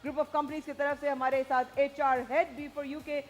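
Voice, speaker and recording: A woman hosting a prize show on a TV studio set, lively and mixing in English phrases as she directs her guests. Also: high voice, measured pace, very noisy. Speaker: game show host.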